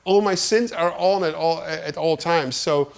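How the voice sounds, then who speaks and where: A middle-aged man, a music producer, casually walking through his studio setup in a tutorial, with relaxed, self-deprecating asides. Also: fairly high pitch, measured pace, gravelly, very noisy.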